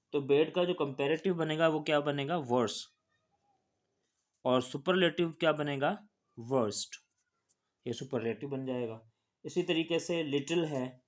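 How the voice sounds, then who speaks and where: A male teacher from Pakistan explains grammar step by step. He talks patiently and repeats himself, spelling each word out letter by letter. He keeps pausing to make sure the listener is following. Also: mid-range voice. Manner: often checks in with the listener.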